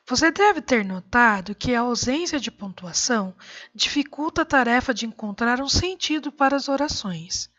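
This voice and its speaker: A woman teacher reads a scripted lesson in a slightly high voice. She speaks in a measured, clear way and pauses deliberately. The recording sounds dull and lo-fi. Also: expressive, a bit bright.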